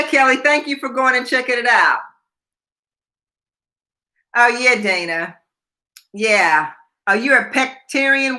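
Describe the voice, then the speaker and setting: Her voice fairly high-pitched, bright and forceful, a woman in her sixties hosts a laid-back live stream. She chatters, repeats herself, and reads viewers' comments out loud.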